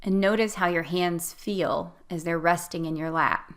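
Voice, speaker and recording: Slightly low-voiced woman guiding a meditation. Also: unhurried. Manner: gentle, soothing, instructional delivery. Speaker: meditation guide. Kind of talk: guided meditation.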